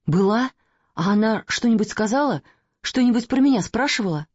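A woman's voice: fairly high pitch, expressive, normal speed, a little mellow, slightly rough, dry recording, pitched above the performer's own voice. A woman doing a lovesick young man. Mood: anxious. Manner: anxious, eager questions. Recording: dry, slightly dull recording.

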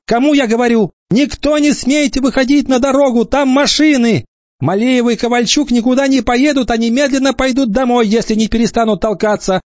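A man voicing a young female teacher who shouts names and scolds a crowd of small children. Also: very high-pitched, no room sound, lo-fi sound, pitched above the performer's own voice.

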